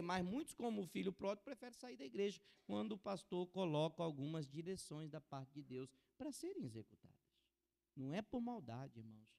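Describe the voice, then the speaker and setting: A man preaching a sermon as pastor, swinging from soft warnings to loud exclamations. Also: high voice, vocal fry. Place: church hall with long reverb. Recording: church sermon with long hall reverb.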